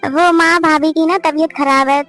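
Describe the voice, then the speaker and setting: A woman's voice: high voice, fairly even intonation, normal speed, fairly bright tone, faint music behind. A woman voicing a caring, firm young sister-in-law in a cartoon family drama, lecturing her mother.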